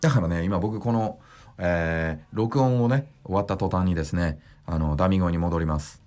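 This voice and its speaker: A man teaching voice technique on his own podcast, speaking with a deliberately deep chest resonance and demonstrating sounds as he explains. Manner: lively, instructive, demonstrates vocal sounds. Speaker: voice trainer. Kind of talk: podcast voice lesson.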